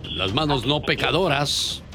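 A man's voice: mid-range voice, expressive, a little slow. A male radio host who teases a caller with a mock-serious, showman delivery. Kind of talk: comic radio prank bit. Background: music bed.

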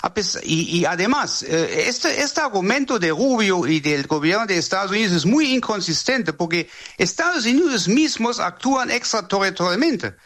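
A German man, a legal expert, answering interview questions in Spanish with a German accent, often pausing and repeating words as he searches for them. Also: high-pitched, very animated, fairly bright tone.

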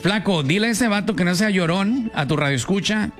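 A Mexican man hosting a comedy radio show in a studio, with a high voice. He jokes around lively and reads out listener messages. Faint music plays behind him. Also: brisk. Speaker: radio host.

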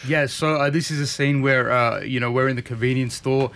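A man, a filmmaker guest in a radio interview, agreeable and halting with many fillers. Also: medium pitch, steady tone, fairly bright tone. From Australia.

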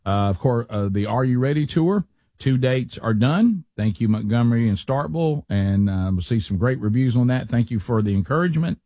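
Folksy older man, dark voice. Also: mid-range voice, animated, fairly quick, dry recording. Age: 60s. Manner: chatty, folksy, many fillers and restarts. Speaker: radio show host. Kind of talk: casual chat.

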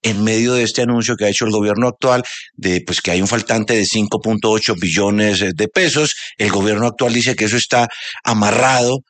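A man with a lowish voice explains a point in a radio news discussion. He reasons aloud with small pauses. The sound is dry and close. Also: fairly even intonation, a bit bright, no echo. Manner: explanatory, thinking aloud with fillers.

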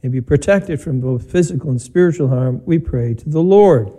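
Male priest at a pulpit microphone, mellow and warm, measured, plain-spoken. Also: a little high, lively intonation, poor audio. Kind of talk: homily and spoken Mass prayers. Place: church during a broadcast Mass.

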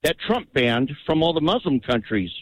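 A man calling in to a radio show, talking in an agitated, rambling, halting way. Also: a little high, very animated. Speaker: caller. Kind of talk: call-in radio. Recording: dull phone-line audio.

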